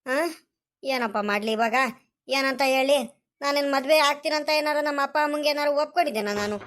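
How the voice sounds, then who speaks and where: A worried young village husband, voiced by a woman, pleads and asks the same questions again and again. The voice sits high. It is a village comedy cartoon. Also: fairly quick, a bit bright. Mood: defensive.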